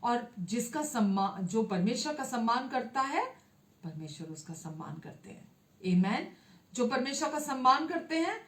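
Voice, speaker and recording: A woman pastor giving a sermon, reading scripture aloud and then explaining it in her own words, with frequent pauses and amens. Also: mid-range voice, echoey room.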